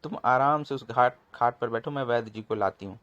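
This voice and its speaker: A man putting on a shrill scheming village woman. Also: brisk, a bit bright, dull audio, lightly acted. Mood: fussing. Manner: wailing, exclaiming. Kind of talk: comic storybook narration.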